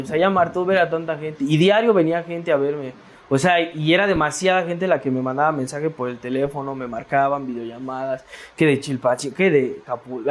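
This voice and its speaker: A Mexican man speaking as a guest in a casual interview, with a voice a little on the high side. He talks in a reflective, rambling way, filling pauses and repeating words as he goes.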